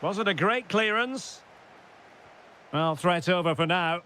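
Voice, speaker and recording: Male play-by-play caller, high and bright tone, punchy name calls. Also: unhurried, a little hiss or hum. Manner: calls player names, rises sharply on goals and chances. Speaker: play-by-play football commentator. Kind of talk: video game match commentary.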